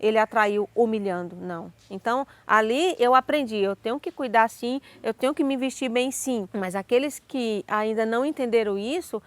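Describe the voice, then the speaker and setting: A Brazilian Portuguese woman tells her personal story in a lively, animated way and acts out every exchange. Her voice sits a little higher than most, and the recording is close and dry. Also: no echo. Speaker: vlogger telling her life story.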